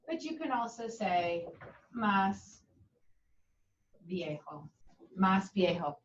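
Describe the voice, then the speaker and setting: Woman, Spanish teacher, encouraging, easygoing, classroom, far from the mic, dull sound. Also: lowish voice. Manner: chatty, encouraging, mixes Spanish and English. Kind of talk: classroom lesson. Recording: muffled classroom audio from a distant camera.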